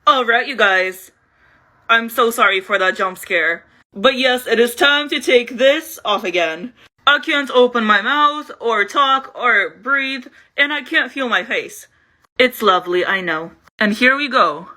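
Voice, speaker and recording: A woman makeup vlogger chatting casually and playfully, with excited exclamations. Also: on the high side, unhurried. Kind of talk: casual chat.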